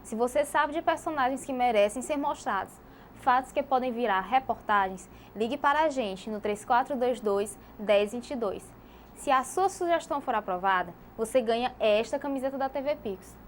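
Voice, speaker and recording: Female promo voice, high pitch, chatty direct address, faint hiss. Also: moderate pace. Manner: friendly direct address to viewers. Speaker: station promo announcer. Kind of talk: TV station promo.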